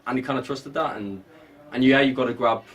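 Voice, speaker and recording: Easygoing actor chatting off-mic. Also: male voice, mid-range voice, fairly bright tone, recorded from a distance. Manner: easygoing, halting, many fillers. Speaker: actor guest. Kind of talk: casual interview chat.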